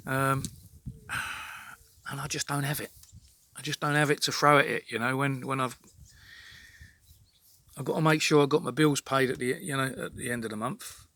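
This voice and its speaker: A man's voice: medium pitch, fairly even intonation, moderate pace, long pauses, bright, forceful tone. A man venting in an exasperated, sweary rant monologue to his own channel, repeating himself as he talks. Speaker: vlogger.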